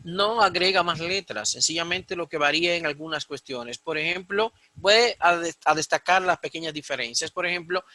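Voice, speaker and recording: A man's voice: on the high side, sharp tone, no room sound, rough recording. A man from the Dominican Republic teaching a recorded lesson on Greek pronunciation, explaining step by step with frequent fillers and restarts. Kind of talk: recorded lecture.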